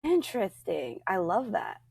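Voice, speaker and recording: A woman's voice: mid-range voice, sing-song, measured pace, creaky, a little mellow, breathy edge, dry recording, clean studio sound. A woman hosting a casual group conversation, giving brief, encouraging prompts to the others. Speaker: host leading the session.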